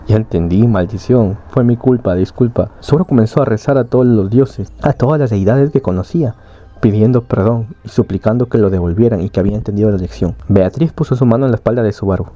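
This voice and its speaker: A man retells a novel's plot in a relaxed, rambling way, stacking fillers and tag questions as he goes. His voice sits low and sounds deeply mellow and dark. The recording is muffled and lo-fi. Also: fast. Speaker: anime story summarizer.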